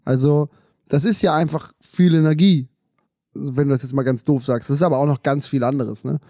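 A man in a casual podcast chat who tells stories in an animated way and rushes through phrases. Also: mid-range voice, dry recording, clean studio sound. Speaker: podcast co-host.

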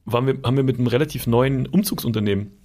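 A man in his thirties co-hosting a relaxed podcast conversation. His voice sits at an ordinary middle pitch. He tells stories in a rambling way, full of fillers and restarts. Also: racing. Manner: shouts out quoted lines when retelling. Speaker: podcast co-host. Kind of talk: casual chat.

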